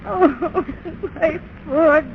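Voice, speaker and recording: A woman's voice: extremely high pitch, very slow, exaggerated voice. An actress playing a distraught, exhausted older mother in a 1930s radio drama, tearful and sighing. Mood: anguished, weary. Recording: noisy, muffled 1930s radio recording.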